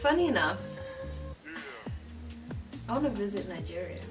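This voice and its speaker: A woman's voice: mid-range voice, big pitch swings, moderate pace, far from the mic, over music. A woman from Kenya, easygoing and chatty as a guest in a casual conversation. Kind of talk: casual group chat.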